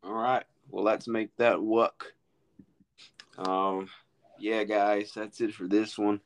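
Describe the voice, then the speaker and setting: A young man hosting a casual podcast, relaxed and slangy as he chats and wraps up. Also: on the low side, slow pace. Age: young adult. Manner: relaxed, slangy, wrapping up the show. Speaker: podcast host. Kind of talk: casual chat.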